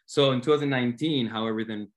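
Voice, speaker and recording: A man's voice: medium pitch, racing. A man in his thirties from Argentina, a team owner and guest, talking eagerly and earnestly with many restarts. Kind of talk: casual interview talk.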